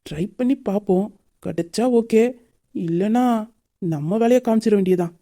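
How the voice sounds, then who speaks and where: A woman voicing a leering young man who harasses a woman, with sly muttered asides and fawning flattery, in an amateur audio drama. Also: mid-range voice, normal speed, close to an everyday voice. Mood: scheming.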